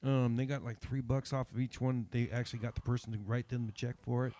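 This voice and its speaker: A man's voice: medium pitch, level tone, fast, warm tone. A man hosting a casual radio show, telling long stories with many restarts. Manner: rambling storyteller, repeats words. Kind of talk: casual chat.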